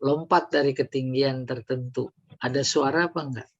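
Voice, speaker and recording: A woman teaching a study lesson, explaining slowly and quizzing her class with questions. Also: very deep voice, fairly even intonation. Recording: dull lo-fi recording.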